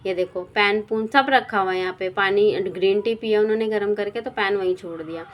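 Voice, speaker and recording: A young woman vlogger and housewife chatting casually and quickly while narrating her home routine. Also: mid-range voice, muffled recording. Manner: chatty, fast-talking.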